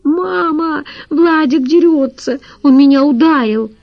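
A woman's voice: slow, gravelly, muffled recording, heavily acted. A woman voicing a stubborn, tearful little girl who wails her complaints. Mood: whining. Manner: shrill, wailing complaints.

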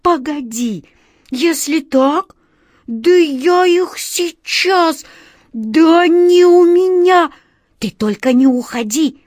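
A woman voicing an excitable striped male cat wizard who talks fussily and gabbles shrilly when upset. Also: mid-range voice, slow, no room sound, clean studio sound, exaggerated voice. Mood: threatening.

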